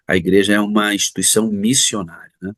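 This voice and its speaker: A man's voice: lowish voice, fairly even intonation, fast, fairly bright tone, no echo. A middle-aged man from Brazil interviewing a pastor in a church setting, effusive and often laughing.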